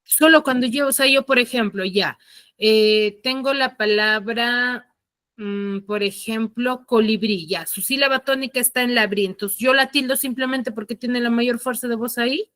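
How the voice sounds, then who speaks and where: A woman leads an online class, firing question after question at her students and explaining things slowly and with emphasis. Her voice is a little high and a bit bright, recorded with no echo.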